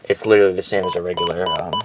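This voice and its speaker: This man's deep voice comes out flat and rapid-fire as he casually shows off his weather radios. He rambles, corrects himself and doesn't mince words. The background noise is clear.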